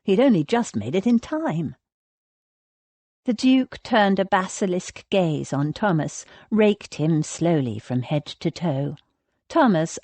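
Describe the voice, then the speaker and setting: A woman reads an audiobook in a fairly low voice. Her delivery is animated and expressive, rising and falling freely. The recording is dry and close to the mic. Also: no echo. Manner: expressive storytelling. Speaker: audiobook narrator. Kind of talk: audiobook narration.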